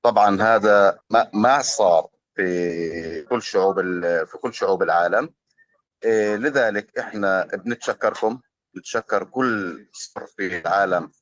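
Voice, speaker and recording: A man with a Palestinian Arabic accent giving earnest, formal-leaning testimony, pausing often as he speaks. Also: deep voice, a bit bright, dry recording, dull audio. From Gaza, Palestine. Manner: hesitant, pausing often with fillers. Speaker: journalist being interviewed.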